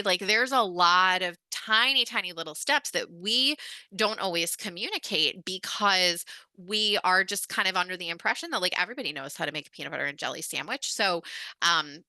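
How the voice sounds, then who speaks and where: A woman's voice: lowish voice, animated, moderate pace, sharp tone, dry recording. A woman leading a webinar on communication skills, talking in a chatty, informal way with lots of "um" and "like". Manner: chatty and informal, heavy on fillers like "um" and "like". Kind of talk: casual webinar instruction.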